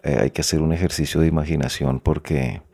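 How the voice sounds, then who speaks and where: Very deep-voiced man, soft coastal Colombian accent. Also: steady tone, brisk, vocal fry, husky, no room sound. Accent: faded Colombian Caribbean coastal. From Colombia, Caribbean coast. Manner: thoughtful, hesitant, many "eh" fillers. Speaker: guest author. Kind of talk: reflective interview conversation.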